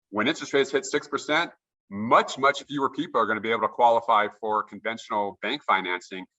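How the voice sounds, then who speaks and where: A man's voice: mid-range voice, bright, forceful tone, lo-fi sound. A man chatting keenly as a guest over a video call, often restarting his sentences. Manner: enthusiastic, with frequent restarts. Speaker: guest note investor. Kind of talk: casual interview chat.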